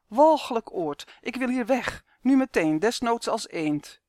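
A woman's voice: a little high, animated, unhurried, darkish tone, dry recording, studio quality, pitched above the performer's own voice. A woman voicing a homesick male elf trapped in a duck's body, whining and buzzing his complaints. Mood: disgusted. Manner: whiny, sulky, buzzing complaints. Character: grumpy homesick male elf stuck as a duck.

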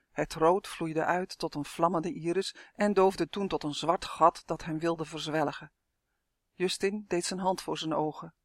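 Lively storybook narrator, dry close sound. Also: female voice, fairly low pitch, dry recording. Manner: lively expressive reading.

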